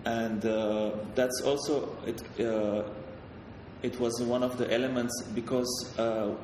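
A man from Syria, a photographer, talking haltingly with many fillers and restarts. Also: medium pitch, fairly even intonation. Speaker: photographer guest. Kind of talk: hesitant conversational talk. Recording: echoey hall, distant mic, background noise.

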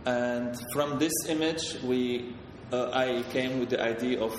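A man from Syria, a photographer, talking haltingly with many fillers and restarts. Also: mid-range voice. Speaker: photographer guest. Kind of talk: hesitant conversational talk. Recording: echoey hall, distant mic, background noise.

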